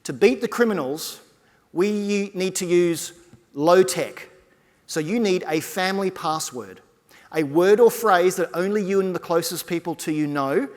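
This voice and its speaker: A man delivering a conference keynote as a speaker, talking to the audience in an energetic, conversational way. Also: high voice, unhurried. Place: large conference hall stage. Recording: long hall reverb from a conference stage.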